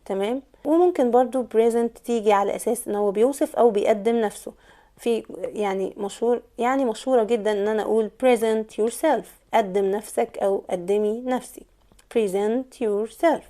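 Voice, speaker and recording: A woman with an Egyptian Arabic accent gives an English lesson in a fairly high but mellow voice. She slows right down to repeat example words, leaning on each stressed syllable. Her delivery is patient and explanatory. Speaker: English teacher. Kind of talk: online language lesson.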